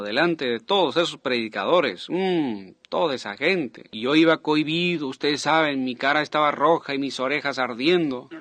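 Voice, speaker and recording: A man dubbing a preacher's sermon into Spanish, telling a personal story in an animated way and acting out the quotes. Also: medium pitch, dry recording.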